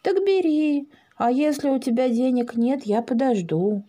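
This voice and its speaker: A woman voicing a kindly elderly village woman who exclaims in a high, fussy way. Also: a little slow, dark tone. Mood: cheerful.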